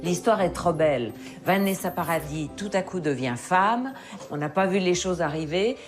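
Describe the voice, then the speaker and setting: Female commentator, slightly low voice, emphatic dramatic phrasing, faint music behind. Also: expressive, normal speed. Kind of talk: documentary interview commentary.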